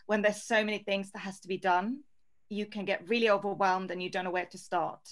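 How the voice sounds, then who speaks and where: A woman's voice: mid-range voice, steady tone, brisk. A woman in her thirties from Norway talks as a guest on a video-call interview through a headset microphone. She speaks earnestly about her work, with light laughs between her thoughts. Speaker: guest, singer-songwriter and coach.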